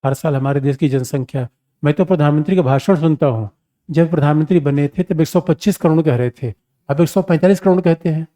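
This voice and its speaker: A man with a warm, somewhat high voice teaches an exam-prep lecture on international relations at a fairly quick pace. He's casual and animated, calling his students "my children" and asking them rhetorical questions.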